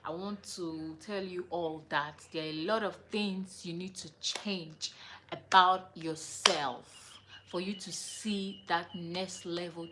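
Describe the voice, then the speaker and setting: A woman hosting a livestream, giving a motivational talk in a slow, repetitive, emphatic way with many fillers. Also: on the low side, bright, forceful tone, a little hiss or hum.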